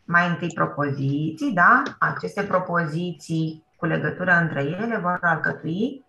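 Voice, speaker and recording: Gravelly bright-voiced teacher, echoey room. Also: female voice, lowish voice, lo-fi sound, a little hiss or hum. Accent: Romanian. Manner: encouraging, asks "da?" often, praises with "bravo". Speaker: primary school teacher. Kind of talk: online class for young children. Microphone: computer mic on a video call.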